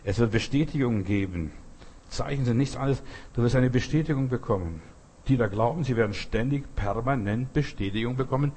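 A man preaching a sermon, emphatic and repetitive, building to loud outbursts. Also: mid-range voice, fairly quick, a little hiss or hum.

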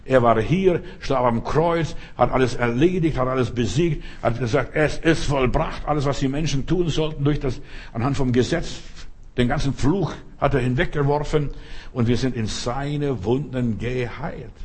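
A man preaching a sermon, emphatic and repetitive, drawing out key phrases slowly. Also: medium pitch, darkish tone, husky. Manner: emphatic, repetitive preaching with slow drawn-out stresses.

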